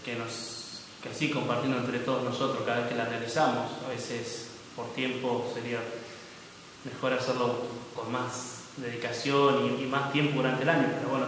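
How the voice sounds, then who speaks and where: A man in his forties with an Argentine Spanish accent, a permanent deacon giving an earnest, halting testimony to the camera. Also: medium pitch. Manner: earnest, halting with many fillers. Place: small indoor room with yellow walls. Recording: echoey room with long reverb, faint noise.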